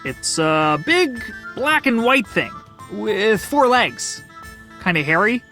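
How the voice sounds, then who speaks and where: Lively, wry adventure heroine. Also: female voice, mid-range voice, takes it slowly, faint music behind, exaggerated voice. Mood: cheeky, earnest. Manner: wry, cheeky, expressive. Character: quirky, quick-witted young female adventure heroine. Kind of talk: video game character acting.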